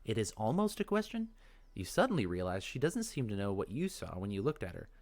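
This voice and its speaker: Narrating fantasy game text with drama, this man hosts a let's play. He tells it in a measured, expressive way, his pitch sitting fairly low.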